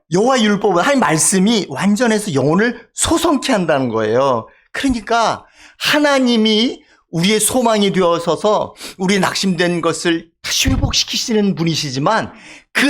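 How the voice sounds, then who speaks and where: A male pastor delivering a sermon in a church, emphatic and calling out for amens from the congregation. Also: sits high. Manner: emphatic, calls for amen from congregation. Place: church sanctuary.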